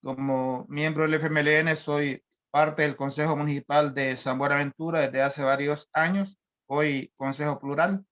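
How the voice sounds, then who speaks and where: A man from El Salvador, a guest on an online interview, speaking in a measured way with frequent fillers. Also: a little high, fairly even intonation, fairly bright tone. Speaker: guest, environmental organizer. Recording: dull lo-fi audio.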